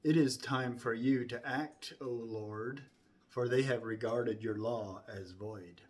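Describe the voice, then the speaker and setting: Reciting the Bible from memory, a man speaks in a solemn, measured way with a mid-range voice and fairly even intonation. His phrases open with weight and taper off softly.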